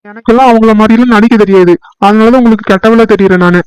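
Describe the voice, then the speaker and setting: A man's voice: high-pitched, fairly even intonation, darkish tone, clean tone, no echo, lightly acted, rough recording. A man voicing a bickering young wife. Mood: aggrieved. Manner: indignant, complaining, rapid accusations. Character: sharp-tongued young wife, quarrelsome, self-pitying. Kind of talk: comedy skit acting.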